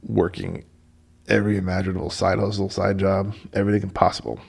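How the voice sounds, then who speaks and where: Man, middle-aged, gravelly, husky, radio host, storytelling, animated. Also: fairly quick. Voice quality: deep gravelly voice. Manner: animated, acts out quoted dialogue. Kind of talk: personal storytelling monologue.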